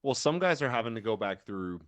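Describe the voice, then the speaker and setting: A man's voice: medium pitch, very animated, a little fast. A man co-hosting a casual sports talk show, rambling with frequent laughs and restarts. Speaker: co-host.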